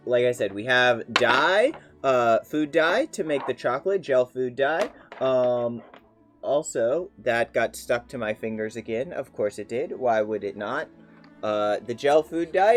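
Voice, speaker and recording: A man chatting casually on a live stream, playful and rambling, with many fillers. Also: mid-range voice.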